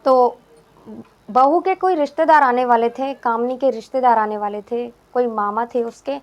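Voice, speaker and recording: A woman narrating a family story in a loose, chatty way. Her voice sits high, and she often restarts and repeats her phrases as she goes along. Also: normal speed. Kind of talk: casual spoken storytelling.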